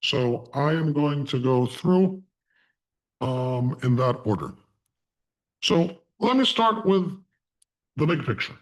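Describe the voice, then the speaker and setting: Male online instructor, voice electronically disguised to sound deep and unclear, speaking in measured phrases. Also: lively intonation, rough recording. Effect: voice changer giving a disguised deep, Darth Vader-like voice. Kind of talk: live online lecture. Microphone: online video call through a voice changer.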